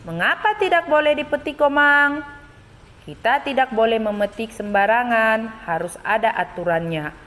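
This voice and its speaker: A woman teacher reading a children's textbook dialogue aloud, lifting her voice high and lilting for two young schoolchildren. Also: moderate pace, few pauses, long reverb tail, natural voice. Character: two young schoolchildren chatting about flowers.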